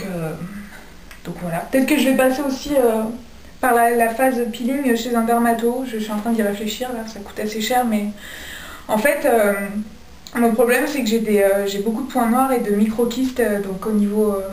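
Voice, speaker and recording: A woman's voice: a little high, darkish tone, slight background noise. A young woman casually reviewing her skincare products, chatty and full of hesitations. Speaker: beauty vlogger. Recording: echoey room, mic at a distance.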